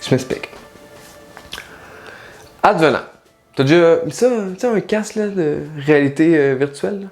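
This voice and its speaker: A man's voice: a little high, animated, moderate pace, pauses often, soft background music. A man, a life coach and spiritual guide, speaking in a casual direct-to-camera monologue, talking straight to the listener and asking many rhetorical questions.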